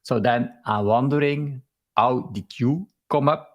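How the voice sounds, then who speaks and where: A man with a Belgian accent hosting a casual live stream interview over a video call, talking in a halting way with frequent fillers and restarts. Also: mid-range voice.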